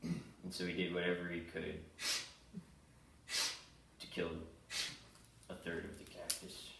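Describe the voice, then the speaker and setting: A man's voice: sits low, completely flat delivery, slow, creaky, very noisy. A young man testifying as a witness in an improvised mock trial, hesitant and full of fillers. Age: young adult. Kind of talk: improvised comedy sketch. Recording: roomy echo, distant mic.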